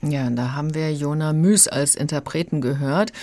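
A woman critic explaining a children's book calmly in a radio review. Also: low voice, normal speed, no room sound, studio quality.

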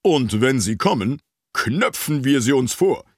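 A man reading an audiobook voices a boisterous crowd of big male forest animals in a loud, gravelly, rallying tone. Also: medium pitch, very animated, unhurried, dry recording, clean studio sound. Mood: boastful.

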